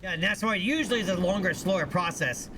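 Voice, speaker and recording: A man's voice: high voice, lively intonation, fast talker. Man, streamer, casual rambling talk, faint hiss behind. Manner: rambling explainer, many fillers. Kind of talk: casual live-stream chat.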